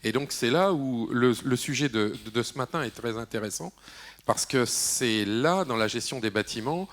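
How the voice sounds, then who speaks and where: A man's voice: mid-range voice, normal speed. A man, an elected official, speaking on a conference round-table panel, hesitant with many fillers and restarts, slipping in jokey asides. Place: conference hall.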